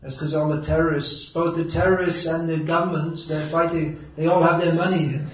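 Brief: man preacher with a slightly high voice, wry and emphatic, distant mic in a roomy hall, dull sound. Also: flat delivery, fairly quick, fairly bright tone. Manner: sarcastic and wry, then earnest and emphatic. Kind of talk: sermon.

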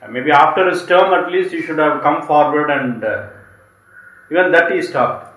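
A man's voice: a little high, normal speed, fairly bright tone. Hesitant man in a roomy space. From India. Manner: hesitant, many fillers and restarts. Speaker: interviewee. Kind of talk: casual conversation. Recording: echoey room.

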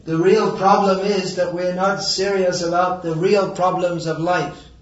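Brief: man preacher with a slightly high voice, wry and emphatic, distant mic in a roomy hall, dull sound. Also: little pitch movement, a little slow. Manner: sarcastic and wry, then earnest and emphatic. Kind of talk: sermon.

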